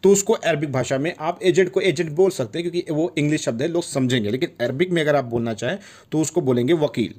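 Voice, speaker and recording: A man's voice: fairly high pitch, fast talker, a little mellow. Guy teaching words on video, says each one twice, keeps checking in. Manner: repeats each word, checks in with "theek hai". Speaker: language teacher. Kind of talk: casual video lesson.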